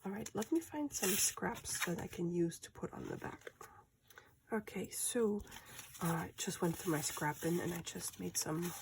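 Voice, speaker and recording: A woman chatting casually through a craft project in a hushed, quiet voice that often slips toward a whisper, so as not to wake anyone. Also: on the low side, creaky, noisy background. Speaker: craft video host. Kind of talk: casual craft-along chat. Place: indoors at home, at a craft table.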